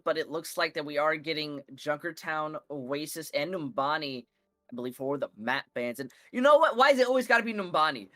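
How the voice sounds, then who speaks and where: A man's voice: a little high, pushed and bright, no echo. A man casting a live video game match, rambling and playful with lots of fillers. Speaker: esports caster. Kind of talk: casual live game commentary.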